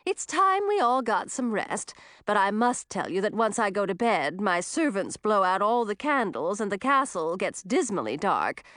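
A woman voicing an eccentric old female ice witch who talks in a high, sing-song, imperious way. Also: sing-song, moderate pace, fairly bright tone, no room sound, clean studio sound. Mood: gracious.

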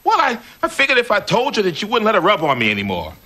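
An actor playing a sheepish sitcom husband, nervous and placating. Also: male voice, sits high, huge pitch swings, fast, heavy background noise. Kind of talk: broad sitcom acting.

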